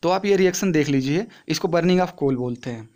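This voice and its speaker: A man's voice: fairly high pitch, lively intonation, moderate pace, darkish tone. A young man teaching a science lesson in a chatty classroom way, asking questions and answering them himself. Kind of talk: casual classroom explanation.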